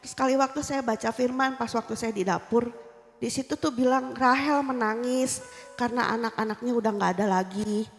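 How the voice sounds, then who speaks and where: A woman's voice: on the high side, brisk. A woman telling her personal faith testimony in a casual, earnest way, often repeating "I said" as she tells her story. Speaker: church member giving testimony. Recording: long hall reverb with soft music behind.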